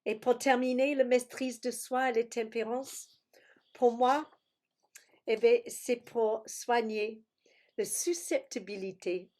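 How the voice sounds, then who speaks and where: Slow-spoken woman preaching over a video call. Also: on the high side, a little mellow. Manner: slow, searching for words, exclaims alleluia. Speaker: pastor.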